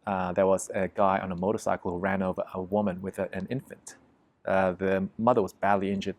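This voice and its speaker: A low-pitched man with a gravelly edge tells a story as a podcast guest. He is emphatic and vivid, swearing freely as he goes. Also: a little mellow. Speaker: interview guest.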